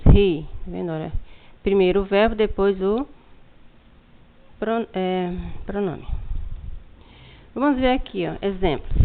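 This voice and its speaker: A woman with a Brazilian Portuguese accent teaches a remote lesson, walking through each point patiently and often telling students to look. Her voice is smooth and clear, with a middle pitch. The recording is narrow and tinny, like a phone line. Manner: patient, step-by-step explaining with frequent "look" prompts. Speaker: English teacher.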